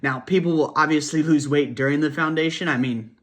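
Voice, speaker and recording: A man's voice: on the high side, brisk. A man, a weight loss coach, talking casually to his viewers while a bit congested from a cold, rambling and often checking in with "right?". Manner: rambling, repeats words, asks "right?" often. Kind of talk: casual talk to camera.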